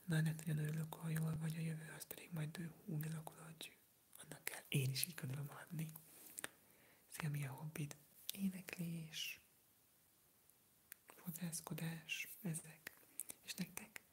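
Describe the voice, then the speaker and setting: Male ASMR streamer, soft breathy whisper throughout, chatty replies to viewers, light background hiss. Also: on the high side, little pitch movement, long pauses. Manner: soft unvoiced whisper, answers viewer comments one by one. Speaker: ASMR livestream host. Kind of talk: whispered ASMR livestream chat.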